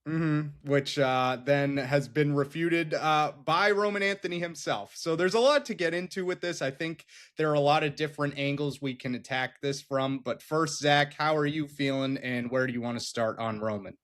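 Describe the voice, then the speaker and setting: A man's voice: a little high, fairly even intonation, moderate pace, few pauses, a bit bright. A man hosting a sports podcast, leading the casual chat in an easygoing way. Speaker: podcast host.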